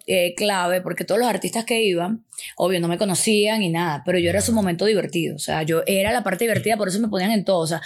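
A woman in casual podcast chat as a guest sex educator, telling animated stories, laughing often and acting out quotes. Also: mid-range voice.

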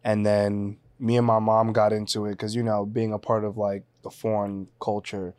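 A man in his twenties from Haiti talks as a podcast guest, telling his story with an easy, relaxed flow. His voice sits low and sounds dry and close, with no room around it. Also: normal speed, dry recording. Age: 20s. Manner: relaxed, storytelling, laughs easily. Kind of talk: casual podcast chat.

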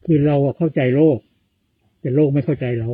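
A man who talks fast, asking a nun quick follow-up questions and summing up her points. His voice is very husky. It sounds thin and phone-like. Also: on the high side, dry recording. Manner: asks short follow-up questions, sums up ideas. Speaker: interviewer. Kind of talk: casual questioning conversation. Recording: phone-like thin band, dry.

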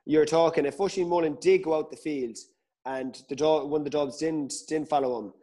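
A man's voice: on the high side, steady tone, a little fast, mellow. A man chatting about sport as a podcast guest, hesitant and often repeating words as he thinks aloud. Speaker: podcast guest, Gaelic football pundit. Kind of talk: casual sports discussion.

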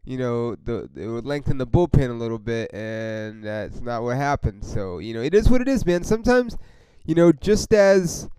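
A man's voice: medium pitch, a little mellow, clear, resonant tone, rough recording. A man hosting a casual solo sports podcast, rambling and swearing with lots of fillers as a frustrated fan. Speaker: podcast host.

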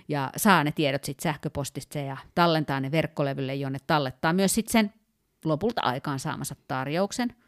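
A woman co-hosting a casual talk, explaining ideas step by step with many fillers and small restarts. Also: low voice. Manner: thoughtful, with frequent fillers and restarts; explanatory, walks through work examples. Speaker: podcast co-host. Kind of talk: casual conversational podcast.

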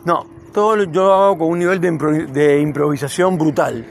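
Cuban-born man, gravelly podcast monologue. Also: a little high, a little fast, slight background noise. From Cuba. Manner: rambling, loose and conversational. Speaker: podcast host. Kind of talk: improvised monologue while walking. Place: outdoors on a city street at dusk. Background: passing cars.

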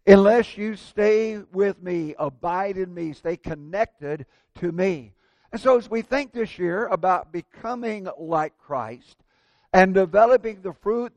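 A man preaching a sermon at a pulpit microphone, earnest and measured, slowing down to stress key words. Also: sits high, a little mellow, no room sound.

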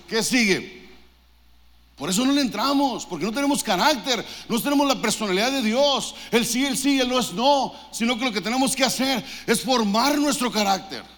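A man's voice: sits high, a bit bright, long reverb tail. A man preaching a sermon as pastor, fervent and exhorting, throwing questions to the congregation. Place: church.

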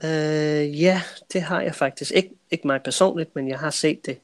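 A man hosting a language-learning podcast, talking in a relaxed way and recapping the talk in English. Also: a little high, dry recording. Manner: even-toned, recaps in English. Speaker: podcast host and translator.

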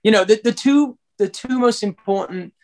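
A man's voice: sits high, normal speed. A Welsh man from Wales, a singer talking casually in an interview, rambling with lots of fillers and restarts.

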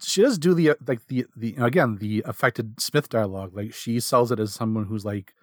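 Podcast co-host, man, mid-range voice, lively with fillers, dry close recording. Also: medium pitch, moderate pace, dry recording. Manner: animated, laughing, many fillers. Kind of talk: casual chat about a film.

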